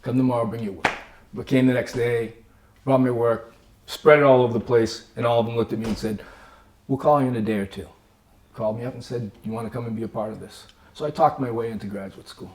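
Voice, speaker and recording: A man's voice: mid-range voice, quick pace, echoey room. A man, an artist, telling stories about his career in a casual interview in his studio, acting out the people in his anecdotes and laughing often. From Cape Cod, Massachusetts. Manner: animated storyteller, acts out voices in anecdotes, laughs often. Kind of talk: casual storytelling conversation.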